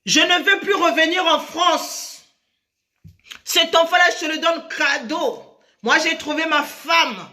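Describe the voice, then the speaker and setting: Cheating husband, scornful and shouty, put on by a woman storyteller; bright, high. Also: takes it slowly, exaggerated voice. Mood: mocking. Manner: mocking, scolding, shouting. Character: scornful unfaithful husband on the phone.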